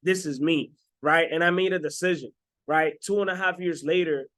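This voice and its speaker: A young man in his twenties, from the Dominican Republic, talking straight to his viewers as a self-made coach. His voice sits a little high, and he keeps up a pumped, salesy energy, checking in with a quick "right?" after his points. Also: fairly bright tone. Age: 20s. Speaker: online business coach. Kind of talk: motivational sales pitch to camera.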